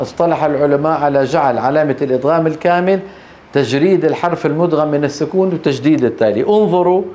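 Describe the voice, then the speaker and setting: A man's voice: on the high side, darkish tone. Teacher explaining to his class. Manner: explains step by step, quizzing students with quick questions. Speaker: Quran recitation teacher. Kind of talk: classroom lecture on tajweed.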